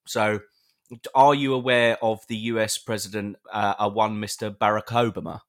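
A man's voice: on the low side, fairly even intonation, moderate pace. Rambling British man hosting live. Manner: rambling, playful, restarts often. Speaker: podcast co-host. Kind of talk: casual live chat with listeners.

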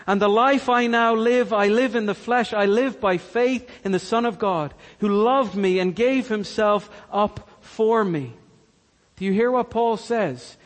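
A pastor from Cork, Ireland, preaches a sermon in a Cork Irish accent, earnestly repeating key lines for emphasis. His voice is high-pitched and a little slow, followed by a long reverb tail.

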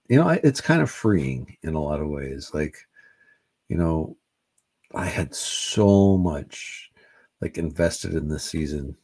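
A middle-aged man hosting a solo sports podcast, rambling in a relaxed way with many fillers, a little high. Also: breathy edge. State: high on cannabis. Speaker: podcast host.

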